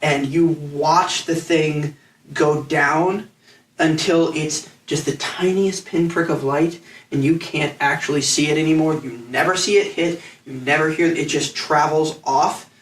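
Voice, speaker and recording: A man's voice: a little high, fairly even intonation. Game master, man, rambling narration full of restarts, roomy recording from a distance. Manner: halting, rambling descriptions with many restarts. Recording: echoey room, off mic.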